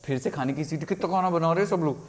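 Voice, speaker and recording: A young man talking casually in a vlog, animated, mixing Hindi and English and acting out quotes. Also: fairly high pitch, very fast. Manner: animated, mixes Hindi and English, exaggerated quoting. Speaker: vlogger.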